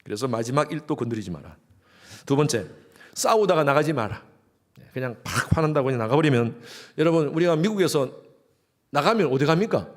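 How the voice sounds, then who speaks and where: A man in his sixties preaching a sermon in church, lively and acting out quarreling couples. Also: on the high side, fairly quick. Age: 60s. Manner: lively, acts out quarreling couples in quoted lines. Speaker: pastor.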